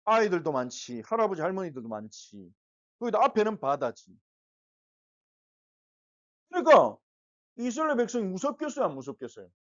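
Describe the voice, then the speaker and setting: A woman teaching a Bible lesson to children, telling the story with lively questions to the kids. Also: medium pitch. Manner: animated storytelling, asks the kids questions and acts out quotes. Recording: muffled lo-fi recording.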